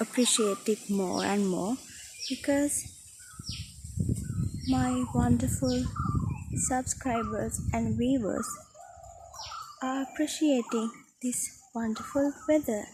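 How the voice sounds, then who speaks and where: Female vlogger, higher voice, slow and halting, casual outdoor delivery, wind on the phone mic with birdsong. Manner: unhurried, halting delivery in short phrases. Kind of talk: outdoor nature vlog narration, casual. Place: outdoors in a garden on a windy day. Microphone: handheld phone. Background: wind and chirping birds.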